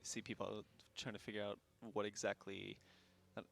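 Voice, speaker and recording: A man chatting casually as a raid leader on a livestream. He speaks in a somewhat low voice, laid-back and loose, dotted with fillers and easy laughter. The talk is relaxed and unscripted. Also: normal speed, gravelly.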